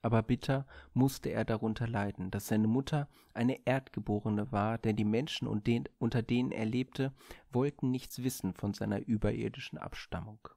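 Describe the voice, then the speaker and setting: A man reading a Greek myth aloud in a measured, expressive storybook manner on a studio microphone. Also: on the low side, vocal fry, no echo.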